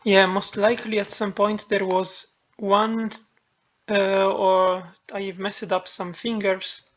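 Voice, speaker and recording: A woman with a heavy Italian accent walking through a software tutorial, thinking aloud and correcting herself as she goes. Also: medium pitch, little pitch movement, takes it slowly. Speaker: tutorial maker. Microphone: phone. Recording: dull lo-fi phone-mic recording.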